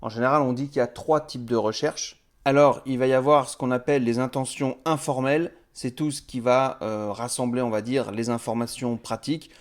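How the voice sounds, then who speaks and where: A man's voice: mid-range voice, steady tone, fairly quick, hardly any pauses. Chatty man explaining web basics. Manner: chatty, explains step by step with frequent "euh" fillers. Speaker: web marketing trainer. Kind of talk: casual video tutorial.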